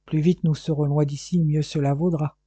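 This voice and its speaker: A man's voice: a little high, level tone, warm tone, husky, dry recording. A man reading a sneering bossy bandit. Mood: impatient. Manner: sneering, commanding, hurried.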